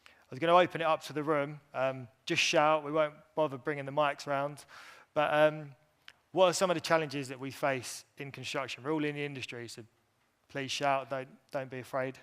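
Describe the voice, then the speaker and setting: A man telling his personal story to a conference audience, candid and halting, with many fillers and restarts. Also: a little high, steady tone, a bit bright, clean tone. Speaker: speaker at an industry event.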